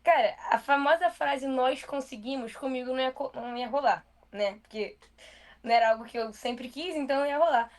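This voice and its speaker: A young woman with a Brazilian accent talks about her work as a journalist in a relaxed interview. She speaks quickly and casually, full of fillers, in a slightly high voice. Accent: Brazilian Portuguese. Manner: fast, casual talker with many fillers. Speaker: journalist guest.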